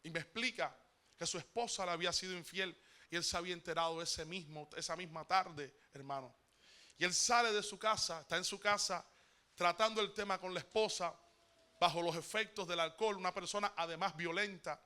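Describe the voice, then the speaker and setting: A Cuban pastor preaching a sermon with a Cuban Spanish accent. His high, very bright voice carries through an animated story. His tone is smooth and clear, and he keeps repeating words and calling his listeners brother. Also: fairly quick. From Cuba. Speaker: guest pastor.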